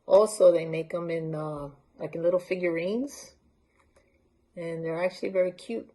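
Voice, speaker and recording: A woman's voice: lowish voice, steady tone, moderate pace, dark tone. A woman from Honduras, presenting handmade crafts in a casual, unscripted show-and-tell talk and holding pieces up to the camera. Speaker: library art talk presenter.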